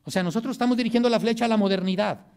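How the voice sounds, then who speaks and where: A man's voice: high voice, very fast, a little mellow, smooth. A man giving a history lecture in a classroom, talking in a loose, joking way and often checking in with his students.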